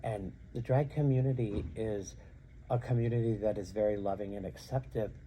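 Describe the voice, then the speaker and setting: A man's voice: fairly low pitch, fairly even intonation, normal speed, mellow, slight background noise, poor audio. A middle-aged man who works as a drag queen and show host, answering interview questions earnestly and repeating phrases for emphasis.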